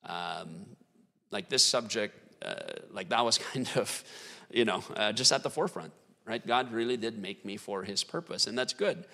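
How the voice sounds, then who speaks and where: A man's voice: lowish voice, animated, moderate pace, pushed and bright, in a large hall. A man explaining theology in a casual discussion, thoughtful with many fillers. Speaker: guest theologian.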